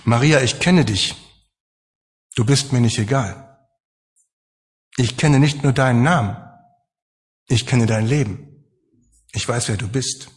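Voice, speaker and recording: A man voicing a gentle, consoling teacher. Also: mid-range voice, slow, pauses often, big-room sound, voice pushed down, lightly acted. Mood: tender. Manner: soft, tender, consoling. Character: gentle comforting male teacher, calm.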